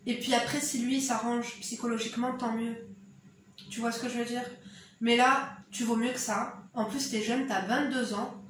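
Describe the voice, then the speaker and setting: A woman's voice: fairly high pitch, fairly even intonation, moderate pace, a little hiss or hum. A woman with an eastern Algerian accent giving frank, direct, motherly advice to camera in casual commentary at home. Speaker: YouTuber. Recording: very echoey room, mic at a distance.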